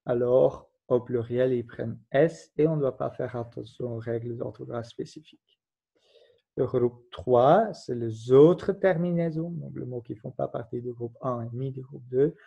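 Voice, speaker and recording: A man's voice: mid-range voice, moderate pace, vocal fry, husky. A man giving a recorded grammar lesson, patiently explaining rules and spelling out letters one at a time. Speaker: teacher. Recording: dull lo-fi recording.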